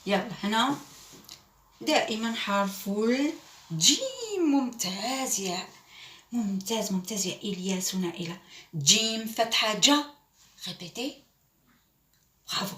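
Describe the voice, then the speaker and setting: A woman teacher who slowly drills Arabic letters and syllables with children, praises them often and slips into French classroom phrases. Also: medium pitch, sing-song, a bit bright, echoey room, recorded from a distance. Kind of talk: Arabic reading lesson for children.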